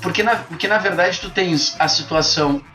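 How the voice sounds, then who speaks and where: A man's voice: high voice, normal speed, bright, forceful tone, soft background music. A man, hosting a casual film review chat and thinking aloud with frequent restarts. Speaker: podcast host.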